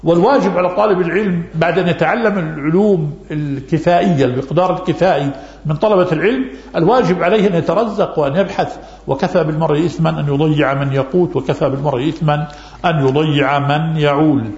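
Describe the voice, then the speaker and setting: A man's voice: on the high side, quick pace, darkish tone. A man, an Islamic scholar, answering religious questions in a lesson and repeating key phrases for emphasis. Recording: echoey, dull lo-fi recording.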